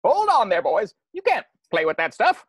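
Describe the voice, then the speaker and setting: A man's voice: sits high, wildly swooping pitch, normal speed, slightly rough, no echo, studio quality, exaggerated voice. A man voicing a doddering, bombastic elderly superhero in a cartoon table reading. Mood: alarmed.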